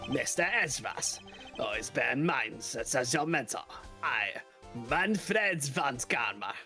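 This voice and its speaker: A stern old villain of a prosecutor from a video game, voiced by a man. He speaks with silky politeness and measured, imperious authority. The voice has a creaky edge, and music plays behind it. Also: mid-range voice, lively intonation, bright, forceful tone, exaggerated voice. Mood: imperious, demanding. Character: stern, haughty sixty-year-old male legendary prosecutor and villain mentor. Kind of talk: video game voice-over read aloud.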